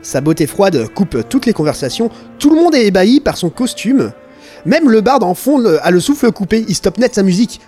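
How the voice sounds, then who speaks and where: A man narrating a tabletop game as game master, in a lively, animated way. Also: high voice, brisk, soft background music.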